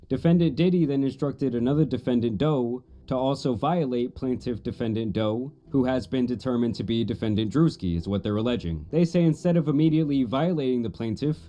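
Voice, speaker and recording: A man reading a scripted commentary narration in a steady, matter-of-fact storytelling manner. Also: medium pitch, fairly quick, hardly any pauses.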